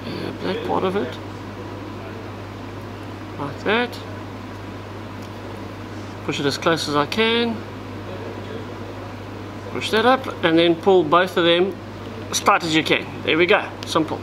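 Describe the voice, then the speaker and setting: A man walks through tying a knot step by step, explaining each move as his hands work. His voice sits fairly high for a man. He is recorded indoors in a tackle shop, with a clear air-conditioning hum behind him. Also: slow, long pauses. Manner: step-by-step, talks while working with his hands. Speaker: fishing tackle instructor. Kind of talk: hands-on tutorial demonstration.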